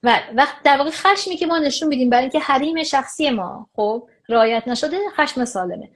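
A woman talking as an expert guest in a conversational show. She explains at length in a casual way. She slips into acted-out dialogue to make her points. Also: a little high. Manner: animated, acts out quoted dialogue. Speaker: psychologist guest.

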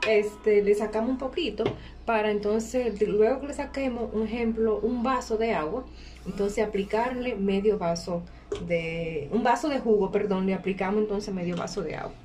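A woman's voice: mid-range voice, moderate pace, a little mellow, faint music behind. A woman casually demonstrating a recipe step by step, often repeating herself and checking in with the listener. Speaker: home cooking vlogger. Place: small indoor kitchen at a workplace. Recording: clear background kitchen noise.

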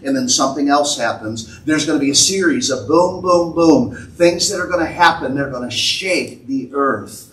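High-voiced preaching man, echoey and distant. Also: a little hiss or hum. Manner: preaching with rising intensity, shouting at peaks, acting out quoted voices. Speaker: pastor. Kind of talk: charismatic sermon. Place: church sanctuary. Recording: echoey church recording from far off.

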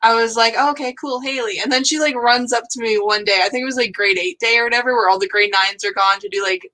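A bright, forceful young woman talks casually, spinning anecdotes and acting out her own reactions. Her voice sits a little high. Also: steady tone, fast talker. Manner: chatty storyteller, acts out her own reactions. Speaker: co-host of writing sprint stream. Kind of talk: casual chat.

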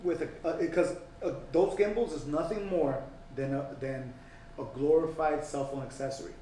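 A man co-hosting a casual tech podcast, laughing often and breaking into excitable exclamations. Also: fairly high pitch, moderate pace. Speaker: podcast co-host. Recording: roomy room with faint noise.

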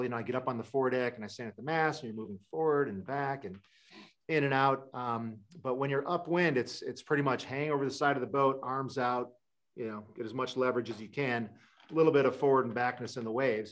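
Talking fast in a mid-range voice, this middle-aged Wisconsin man is a guest sailor in a casual webcam interview from an indoor room. His answers ramble, full of fillers and restarts.

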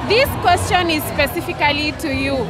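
A woman's voice: very high voice, a little fast. A young woman with a Kenyan accent doing a casual entertainment interview on a handheld microphone. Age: young adult. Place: large indoor event hall. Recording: busy event hall, music and crowd behind.

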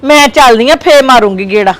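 A woman's voice: high-pitched, a little fast, natural voice. An actress playing a gossipy village aunt who chats and then takes her leave.

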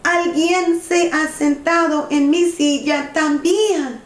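A calm mama bear from a children's storybook, as a woman voices her, speaking in a measured, higher voice. She talks slowly, and the sound echoes around a bare room. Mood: puzzled. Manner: even, measured.

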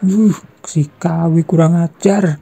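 A young adult giving excited gameplay commentary, trash-talking and shouting fight noises. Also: mid-range voice, takes it slowly, gravelly, breathy edge.

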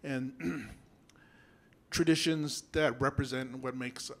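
A man in his thirties from a reservation in Washington speaks into a handheld microphone in a public meeting room. His talk is earnest and halting, and his voice has a nervous tremor. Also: mid-range voice, fairly even intonation, fairly bright tone. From Yakama Reservation, Washington. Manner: halting, earnest, clears throat often. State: nervous, voice shaking. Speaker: school board member. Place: school board meeting room.

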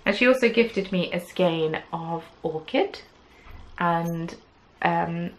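In a small craft room with shelves of yarn, a young woman hosting a knitting podcast chats to a camera set at desk distance. Her voice is on the low side and she takes it slowly, rambling with lots of "um"s and playful asides, and the audio is poor.

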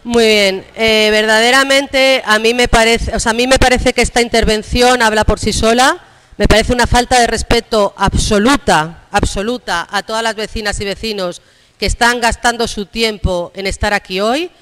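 A woman's voice: fairly high pitch, fairly even intonation, moderate pace, a bit bright, smooth, faint music behind. A woman with a Spanish accent from Spain chairs a district council meeting and answers with a firm, indignant rebuttal. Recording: long reverb of a council hall.

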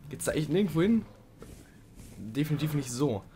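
A young man doing casual let's play commentary, chatting to the game creature and sometimes swearing loudly. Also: fairly high pitch, sing-song, moderate pace, a little hiss or hum.

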